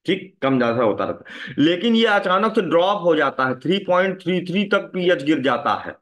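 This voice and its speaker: A man lecturing a class in a fairly high voice. He keeps checking in with his students, firing questions at them and tagging his sentences with a quick "right?". His voice sits a little above most men's. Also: very animated, a bit bright. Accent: Hindi. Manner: asks the class questions and repeats "है ना" often. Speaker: teacher.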